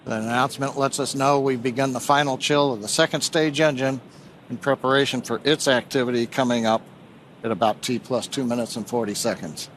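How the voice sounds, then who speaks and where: A man's voice: medium pitch, fairly even intonation, a little fast, a bit bright, a little hiss or hum, poor audio. A man giving live launch commentary as a webcast commentator, explaining in a technical way.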